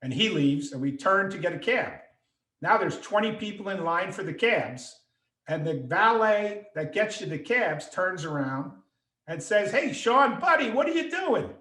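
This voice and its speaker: A man's voice: high voice, a little slow. A middle-aged man telling a story over a video call, acting out the voices of the people in it. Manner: animated storyteller, acts out quoted voices. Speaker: author and speaker. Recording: echoey room on a call.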